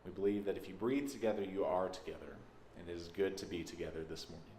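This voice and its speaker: Talking fast in a low, steady, darkish voice, a Texan minister gives his congregation an informal, folksy welcome at a church service. The sound is echoey from the large indoor sanctuary, with background noise.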